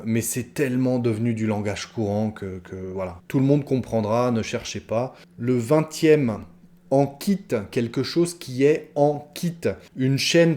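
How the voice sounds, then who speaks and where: Guy teaching french online, warm mellow voice, chatty, talks right to the viewers. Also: mid-range voice. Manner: chatty, speaks directly to viewers; lively, many fillers and asides. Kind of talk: online language lesson.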